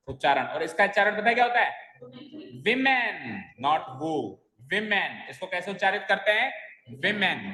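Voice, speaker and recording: A man's voice: high voice, bright, forceful tone. A man teaching a grammar lesson in a classroom, explaining step by step and quizzing his students with questions. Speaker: English teacher. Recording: echoey classroom with long reverb.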